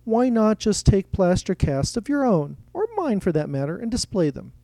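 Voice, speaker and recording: A man's voice: sits high, sing-song, moderate pace, warm tone, dry recording, pitched above the performer's own voice. A man voicing an opinionated old male art collector who speaks emphatically in a raised voice. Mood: emphatic. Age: older.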